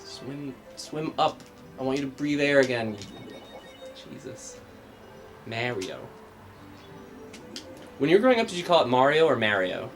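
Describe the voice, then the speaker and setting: A man in his thirties talks casually while playing a game live, cracking jokes and laughing often. He mutters to himself under his breath as he plays, at an average pitch for a man, with faint game music behind him. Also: expressive, measured pace, pauses often. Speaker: host.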